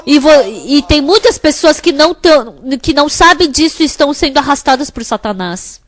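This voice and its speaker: A woman with a high voice interprets a sermon phrase by phrase. Her delivery is emphatic and repetitive, and it follows a preaching cadence. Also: animated, a little fast.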